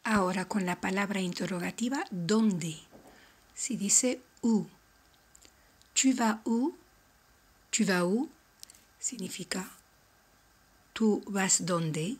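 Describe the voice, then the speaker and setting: Slow, breathy woman teaching French. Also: mid-range voice. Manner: slow, carefully articulated model phrases, each repeated. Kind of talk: language lesson.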